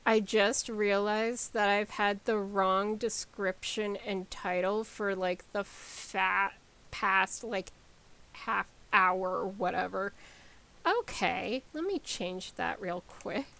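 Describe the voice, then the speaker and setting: A woman game developer talking casually on a live stream, rambling with lots of ums and likes as she explains software. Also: mid-range voice, takes it slowly, vocal fry, rough recording.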